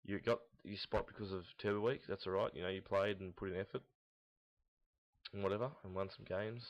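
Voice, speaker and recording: A young man hosting a gaming team audio log gives casual, unscripted commentary on esports team predictions in a deep, flat, barely varying voice. He's brisk but rambling and halting, blunt and off the cuff. The recording is dull and lo-fi, with roomy echo and mouse clicks.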